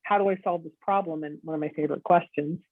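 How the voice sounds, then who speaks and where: Woman, middle-aged, podcast guest, lively storyteller, plays out quotes, tinny phone-like audio. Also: low-pitched, quick pace, no echo. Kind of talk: storytelling interview.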